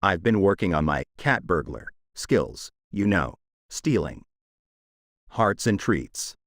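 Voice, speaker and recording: A man's voice: low-pitched, very animated, takes it slowly, no echo, studio quality, full character voice. A man voicing a smug, food-loving orange house cat in an AI cartoon parody, with a sly, wry delivery.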